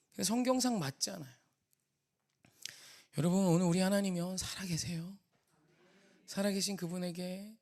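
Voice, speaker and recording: A man preaching a sermon as pastor, rising to shouts and dropping to soft near-whispers. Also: sits high.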